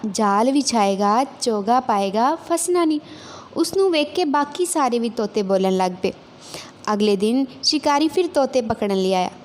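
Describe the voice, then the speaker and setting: A woman with a high, light voice narrating a moral tale, steady and clear with some emphasis. Her telling has the measured rhythm of a devotional storyteller.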